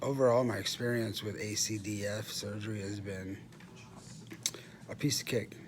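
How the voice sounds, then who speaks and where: A middle-aged man talks casually and haltingly about himself in a subdued way, often clearing his throat, as a patient giving an update from a hospital room. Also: lowish voice, steady tone. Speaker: patient recording a post-surgery update. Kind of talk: casual vlog monologue. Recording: clearly noisy room ambience.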